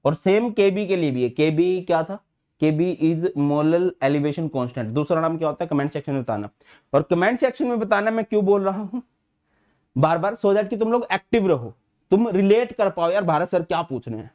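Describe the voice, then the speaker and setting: A chatty man teaching chemistry online, his voice sitting a little high for a man. He talks to students like a friendly elder brother, mixing terms into his speech. He often slows down to dictate notes one word at a time. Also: lively intonation, mellow. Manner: chatty, addresses students as beta and bhai, mixes English terms into Hindi. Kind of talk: online class lecture.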